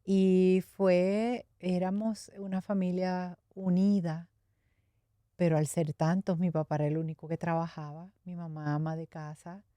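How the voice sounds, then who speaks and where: A middle-aged woman from Puerto Rico, an interview guest, shares a personal testimony in conversation, recounting her past candidly and reflectively with an occasional light laugh. Her low, mellow voice carries a Puerto Rican Spanish accent and keeps a level tone at a measured pace. The sound is dry and close, with no echo.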